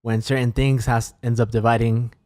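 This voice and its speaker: A man hosts a podcast interview in an easygoing, friendly manner, prodding his guest with loose questions. His voice sits at an average pitch. The close studio mic gives it a dry, dead sound. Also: level tone, normal speed, a little mellow, no echo. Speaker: podcast host. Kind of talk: casual interview chat. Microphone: dynamic studio mic.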